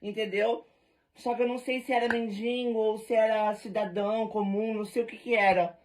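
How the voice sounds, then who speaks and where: A woman telling a party story to camera in a casual, animated and slangy way. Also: fairly high pitch, moderate pace, background noise.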